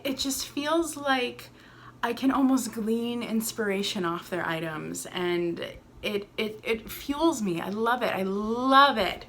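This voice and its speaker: A young adult woman vlogging from home, gushing and excitable as she unboxes and shows art. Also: fairly high pitch, a little hiss or hum. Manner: gushing, excitable, breathy exclamations. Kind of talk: casual home vlog, unboxing. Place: at home, indoors.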